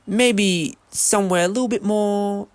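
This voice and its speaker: A man's voice: high voice, unhurried, smooth, no room sound. A man acting a whimsical, breezy time-travelling adventurer in a fan audio drama, with a theatrical, musing delivery.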